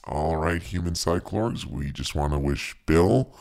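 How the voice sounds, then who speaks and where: A man playing a villain's henchman giving a deadpan office farewell speech in a comic sci-fi audio drama. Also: extremely low pitch, a little slow, creaky, very noisy, heavily acted.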